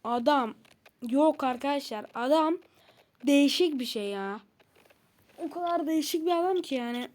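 A woman giving live commentary on her own football video game, excitable and easily frustrated, shouting when goals come. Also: sits high, moderate pace, long pauses, rough recording. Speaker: gaming video creator. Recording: loud background noise.

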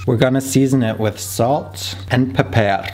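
A young man talks through a recipe in a loose, joking way, laughing between steps. His voice sits at an everyday middle pitch. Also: steady tone, a little slow, background noise. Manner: chatty, jokey, laughs often. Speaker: cooking vlogger. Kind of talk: casual cooking vlog.

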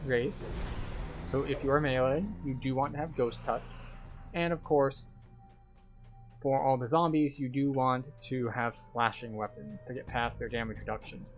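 Over background music, a game-tour host walks through each step of a playthrough guide, his commentary partly scripted, instructive, and a little playful. He speaks at an ordinary pace in a mid-range voice.

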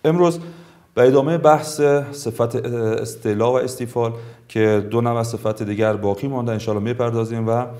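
A man's voice: mid-range voice, fairly even intonation, darkish tone. Afghan Dari-speaking male tajweed teacher. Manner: formal and courteous, drawls each example word slowly twice. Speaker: Quran recitation teacher. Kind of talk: tajweed lesson with slow recited examples.

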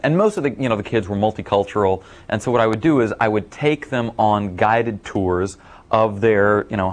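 A middle-aged man telling a casual story at a talk, rambling with many fillers and getting animated when he quotes others. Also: fairly low pitch. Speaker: speaker at a talk.

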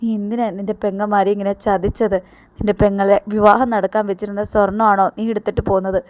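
A woman's voice: mid-range voice, level tone, quick pace, darkish tone, lightly acted. A woman voicing a blunt male friend who scolds his companion. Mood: scolding.

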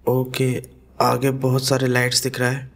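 A man hosting a gaming channel, giving horror gameplay commentary in a deliberately quiet, hushed voice with nervous self-talk as he explores. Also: medium pitch, completely flat delivery, gravelly.

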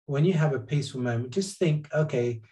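On a webcam call from home, an older man serving as a guest psychologist gives an earnest explanation, using his hands and repeatedly restarting what he says. His medium-pitched voice is mellow and brisk, and the setting is his living room.

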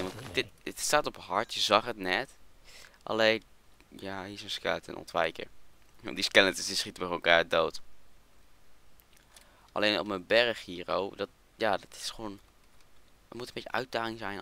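A young man with a Dutch accent commentating his Minecraft let's play, excitable and quick to swear. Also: on the low side, vocal fry. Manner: excitable, swears in rapid strings. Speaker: gaming channel host.

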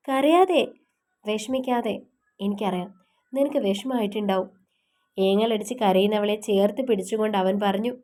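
A woman voicing a tender young man who gently soothes his partner in an audiobook romance. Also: medium pitch, natural voice.

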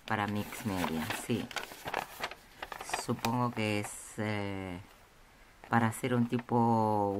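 Woman, slow, hesitant, casual show-and-tell, noisy tabletop recording. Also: very deep voice. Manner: slow, hesitant, with many pauses and fillers. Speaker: craft vlogger showing a haul. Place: indoors at a table. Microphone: camera over a tabletop, speaker off-screen. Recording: noisy room with crinkling packaging.

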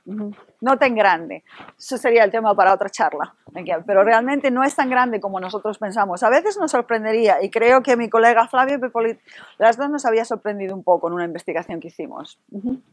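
A woman from Spain with a Spanish accent, a university Spanish instructor leading an interactive workshop in a lively, playful way and drawing answers from the audience. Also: on the high side, fairly quick.

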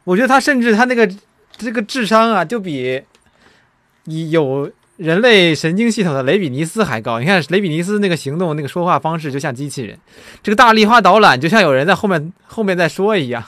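Man casually commentating a game, animated pitch. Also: fairly quick, dry recording. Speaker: game streamer.

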